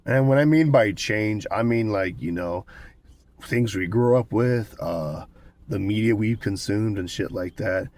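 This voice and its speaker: An American man in his twenties with a cold and a raspy smoker's voice, chatting casually and candidly to viewers with plenty of swearing. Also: lowish voice, measured pace, darkish tone. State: hoarse with a cold, smoker's rasp. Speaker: vlogger. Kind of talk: casual rambling talk to viewers.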